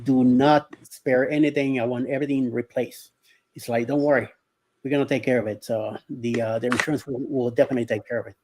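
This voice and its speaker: A man's voice: medium pitch, steady tone, a little fast, a little mellow, slight background noise. A middle-aged man from Miami hosting a casual live stream, rambling with lots of hesitations and greeting viewers by name. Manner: rambling, hesitant with many fillers.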